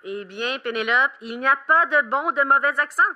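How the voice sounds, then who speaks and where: A woman explaining things to children on a kids' show in a patient, friendly way, pausing with fillers as she looks things up. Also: high voice, lo-fi sound. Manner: patient, explanatory, hesitant fillers while searching. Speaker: children's show expert guest.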